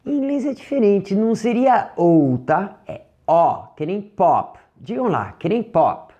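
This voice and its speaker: A Brazilian teacher giving a recorded English lesson, speaking slowly and patiently. His pitch rises and falls a lot as he drills each word and models its pronunciation for his students. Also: huge pitch swings, mellow, lo-fi sound. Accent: Brazilian Portuguese.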